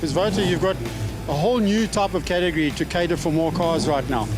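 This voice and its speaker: A male motorsport reporter speaks in a high voice from an outdoor pit lane. He addresses viewers and booth in live-report style, with clear music underneath. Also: brisk.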